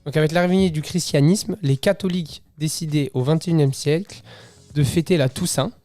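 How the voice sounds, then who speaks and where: A man's voice: on the high side, brisk, warm tone, dry recording, faint music behind. A young man, a student co-presenter, explaining a topic on a radio show and asking questions. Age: young adult. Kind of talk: casual radio chat. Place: radio studio.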